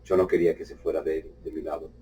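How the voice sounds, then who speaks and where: Husky-voiced man preaching a fervent testimony. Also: very deep voice, little pitch movement, fast talker, recorded from a distance, rough recording. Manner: fervent, swinging between loud outbursts and hushed tones. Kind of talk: testimony sermon.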